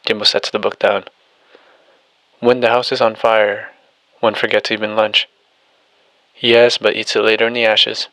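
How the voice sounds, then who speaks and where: A man narrating an audiobook and reading every character's lines in an even, steady delivery. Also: lowish voice, a little slow, long pauses, dry recording, rough recording.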